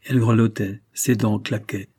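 Un homme lit un roman en livre audio, d'un ton posé et expressif. Sa voix est plutôt grave, sombre et un peu voilée. L'enregistrement est très sec, sans écho. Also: male voice, on the low side, steady tone, normal speed, dark tone, breathy edge, no room sound, studio quality. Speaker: audiobook narrator. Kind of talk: literary audiobook reading.

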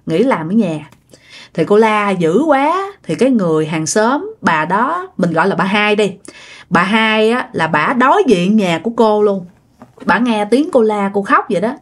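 A woman telling a ghost story in a chatty way, speaking straight to her listeners. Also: medium pitch. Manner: chatty, addresses listeners directly. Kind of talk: casual ghost story narration.

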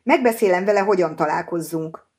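A woman's voice: fairly low pitch, darkish tone, natural voice. A woman reading an audiobook, voicing an eager, emotional young man. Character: eager young man, desperate for his girlfriend.

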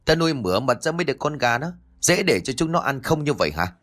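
A man voicing a sharp-tongued village mother-in-law who curses in long shrill tirades. Each line carries her sharp, scolding bite. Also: sing-song, fast. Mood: cursing.

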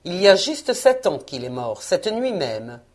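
A woman voicing a stern, miserly old man who answers in clipped, gruff phrases. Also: fairly low pitch, sing-song, a little slow, a little mellow. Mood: muttering.

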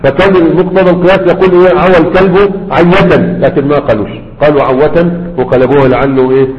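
A man's voice: fairly high pitch, steady tone, fast talker. A man with an Egyptian accent giving a grammar lesson who keeps checking with his students, asking "right?". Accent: Egyptian Arabic. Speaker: teacher of Arabic grammar. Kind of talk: classroom lecture. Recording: echoey hall, dull lo-fi sound.

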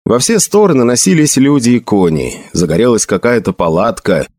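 Man narrating with lively intonation. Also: medium pitch, moderate pace, no room sound, studio quality. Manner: expressive storytelling. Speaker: audiobook narrator. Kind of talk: scripted narration.

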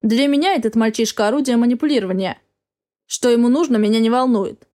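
A cold, contemptuous man barks short commands in this audiobook scene, as a woman reader voices him. His lines come clipped and curt, spoken from a touch farther off the mic, with a voice pitched a little above a typical man's. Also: fast talker, dark tone, lightly acted. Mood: cold, commanding. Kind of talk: audiobook character voice.

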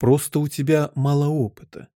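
A man's voice: a little high, little pitch movement, moderate pace, dark tone, no echo, studio quality, voice pushed up, lightly acted. A man voicing a fussy, flustered elderly queen in an audiobook, given to wailing and crying out. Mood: patient. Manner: wails and cries out, fretful.

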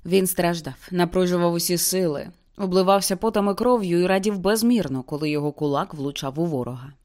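A woman reading a novel aloud as an audiobook, with intense dramatic narration that slows for grim moments. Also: fairly low pitch, darkish tone. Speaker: audiobook reader.

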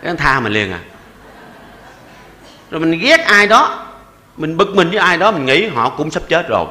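A man in his sixties, a Buddhist monk with a Southern Vietnamese accent, giving a sermon. He jokes and chuckles often, and slows down to recite verses and repeated chants. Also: a little high, roomy sound, long reverb tail. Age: 60s. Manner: lively and joking, often chuckling.

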